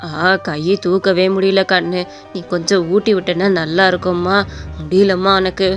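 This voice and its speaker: A woman's voice: lowish voice, flat delivery, normal speed, lo-fi sound, soft background music, pitched below the performer's own voice, lightly acted. Woman doing a frail old mother-in-law. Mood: feeble pleading. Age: older. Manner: soft, weak and pleading. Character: frail elderly mother-in-law, gentle and weak.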